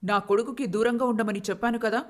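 A woman voicing a harsh, domineering rich mother-in-law in a storybook tale, shouting scornful threats. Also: fairly high pitch, steady tone, quick pace, natural voice. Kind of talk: storybook narration.

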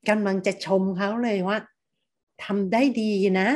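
A middle-aged woman lecturing a class at a steady pitch. She often stops to ask her listeners questions, and she acts out different tones of voice to make her points. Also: a little slow. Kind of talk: university lecture.

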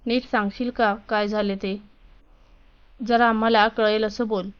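A woman's voice: medium pitch, fairly even intonation, normal speed, close to an everyday voice. A woman voicing a fond older father who turns stern, in a story reading. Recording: dull lo-fi recording.

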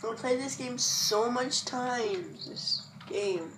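A woman's voice: fairly high pitch, slow pace, noisy background. A woman giving chatty, goofy, self-mocking commentary while she plays a video game, recorded on a distant mic in a room with game music behind her. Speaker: let's play gamer. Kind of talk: casual gameplay commentary. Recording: echoey room, voice far from the mic.

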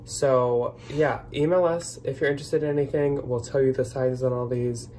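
A man's voice: medium pitch, fairly even intonation, normal speed, warm tone, slight background noise. A man in his twenties with an American accent, hosting in a casual, chatty vlog style. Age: 20s. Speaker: host. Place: small plain room indoors.

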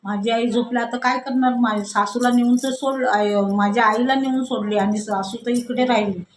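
A woman's voice: fairly high pitch, fairly even intonation, normal speed, a little hiss or hum, close to an everyday voice. A woman playing a panicky young daughter-in-law. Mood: distraught. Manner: agitated and fretful. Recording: echoey room.

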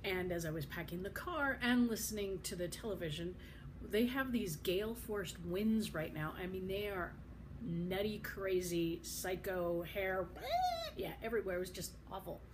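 A woman's voice: on the low side, moderate pace, slight background noise. A middle-aged woman chatting in a rambling travel vlog from a hotel room, laughing often, recorded on a phone held at arm's length. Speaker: vlogger. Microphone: phone camera at arm's length.

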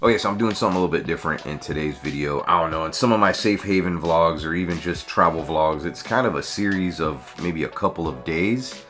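A man's voice: low-pitched, fast talker, hardly any pauses, a bit bright. Chatty man vlogging outdoors on a farm. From United States. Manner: chatty, talks sweetly to his animals. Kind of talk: casual vlog on his farm. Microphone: handheld camera at arm's length.

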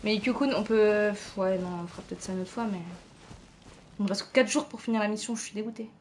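A woman's voice: medium pitch, fast talker, a little mellow, slight background noise. A woman streaming a game late at night at home, chatting loosely with her viewers and chuckling as she reads their messages. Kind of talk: casual live-stream chat.

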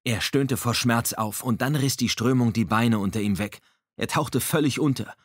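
A man reading an audiobook in a measured, dramatic storytelling manner on a close microphone. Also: medium pitch, slightly rough, no echo. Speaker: audiobook narrator. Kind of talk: scripted audiobook narration.

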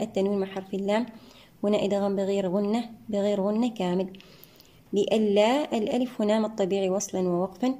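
A woman teaching the rules of Quran recitation step by step, pausing often with "ah" fillers between points. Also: medium pitch, warm tone. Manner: methodical, pauses with frequent "ah" fillers; chants verses slowly and drawn out. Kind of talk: tajweed lesson explaining recitation rules.

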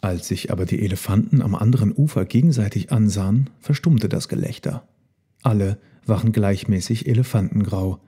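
A man narrating a children's storybook in a calm, even storytelling manner. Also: lowish voice, a little fast, breathy edge.

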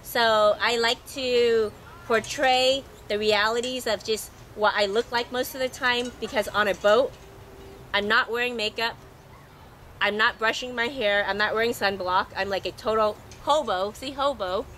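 A woman's voice: on the high side, steady tone, measured pace, fairly bright tone. A middle-aged woman talking to her viewers in a chatty, rambling way, her voice still scratchy from losing it recently. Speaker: sailing travel vlogger. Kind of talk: casual unscripted monologue to camera.

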